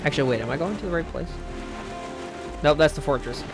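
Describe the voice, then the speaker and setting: A man's voice: fairly high pitch, animated, fast. A young man streaming a game, rambling in casual chat and swearing freely. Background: game music.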